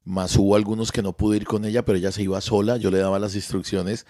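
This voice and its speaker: A man's voice: lowish voice, fast talker, no room sound, clean studio sound. A man talking casually on a podcast, telling stories with lots of repeated words. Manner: animated storyteller, repeats words. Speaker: comedian guest.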